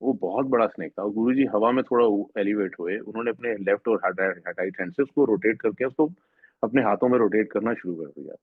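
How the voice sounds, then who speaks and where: A man with a husky, somewhat low voice gives an earnest, rambling testimony, often breaking off and restarting his sentences. The sound is thin and phone-like, and it is dry with no room echo. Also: a little fast. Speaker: devotee sharing a personal spiritual experience. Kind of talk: personal testimony at a devotional gathering.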